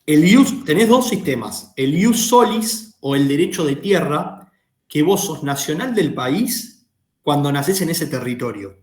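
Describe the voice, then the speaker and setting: A man's voice: on the high side, reverberant. A man with an Argentine Rioplatense accent teaching a law class, explaining concepts and asking the students questions. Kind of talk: lecturing a class.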